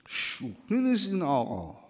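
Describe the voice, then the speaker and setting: A man delivering a sermon from the pulpit in a notably high voice. He recites Arabic phrases and translates each one, rising to loud declamation and then dropping to hushed whispers. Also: wildly swooping pitch, breathy edge. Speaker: preacher.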